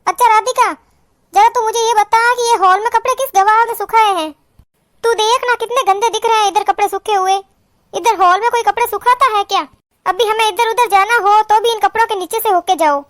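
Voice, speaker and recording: A woman voicing a quarrelsome, sharp-tongued young sister-in-law who scolds and insults in a cartoon. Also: very high-pitched, a little fast, no room sound, clean studio sound. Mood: fussy complaint. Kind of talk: cartoon voice acting.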